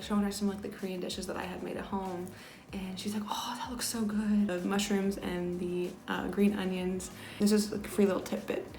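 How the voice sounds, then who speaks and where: A young American woman chats through a travel story at a middling pitch, her talk full of fillers. At times she slips into a near whisper. Her voice rings in an echoey room. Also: a little mellow, slight background noise. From United States. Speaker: vlogger. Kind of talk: casual storytelling.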